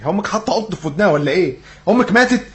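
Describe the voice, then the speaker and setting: A man's voice: sits high, expressive. An actor playing a cheeky, mocking young man in a comic radio drama, speaking with an Egyptian Arabic accent and firing off sarcastic banter. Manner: rapid, teasing, sarcastic banter. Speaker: son, comic lead.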